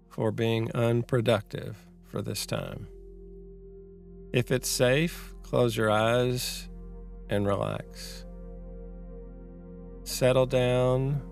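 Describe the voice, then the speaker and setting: Slow, gravelly man guiding a meditation. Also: mid-range voice. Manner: measured, unhurried, pausing between short phrases. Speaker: guided mindfulness teacher. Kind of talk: slow guided meditation, reflective talk on anxiety.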